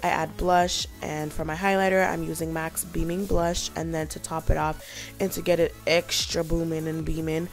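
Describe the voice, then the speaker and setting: A woman's voice: deep voice, little pitch movement, normal speed, soft background music. A young woman narrating a makeup tutorial in a casual, chatty, informal way. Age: young adult. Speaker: beauty vlogger.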